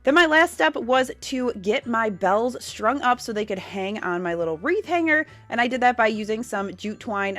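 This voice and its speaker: A woman's voice: mid-range voice, a bit bright. A woman in a casual tutorial vlog, chatty and upbeat, explaining how she makes her holiday decor step by step. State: nasal from a cold. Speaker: DIY home decor creator. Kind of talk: casual DIY tutorial narration.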